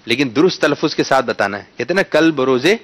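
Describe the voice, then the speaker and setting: A man hosting a quiz for children, coaxing them patiently to pronounce words correctly and breaking into loud announcements when they get it right. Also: mid-range voice, lively intonation.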